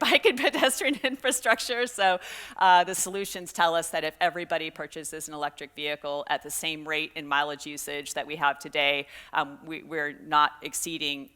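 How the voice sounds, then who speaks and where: A woman's voice: low voice, bright, forceful tone. A middle-aged woman, a climate scientist, answering a forum question in an earnest, reflective way with frequent restarts. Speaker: climate scientist guest speaker.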